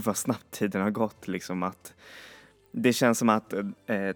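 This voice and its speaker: A man's voice: fairly low pitch, smooth. A man hosting a music podcast, chatting casually and enthusiastically, often stopping to search for the right word. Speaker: podcast host. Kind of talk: casual chat introducing songs.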